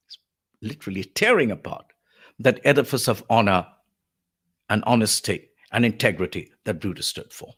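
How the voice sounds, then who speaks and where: A male voice artist giving a spoken lesson on vocal delivery, explaining in a lively way with quick asides. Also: medium pitch.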